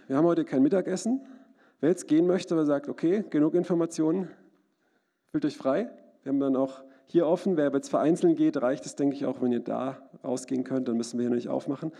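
A man delivers a sermon in a church hall, earnest and personal, now and then breaking into loud cries. His voice is gravelly and husky, dark in tone, sitting a little high for a man. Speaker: preacher.

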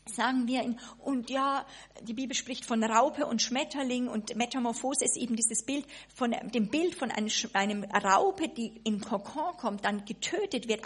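A woman preaching a sermon in a lively way, breaking off and restarting her sentences and acting out little asides. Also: fairly high pitch, slightly rough.

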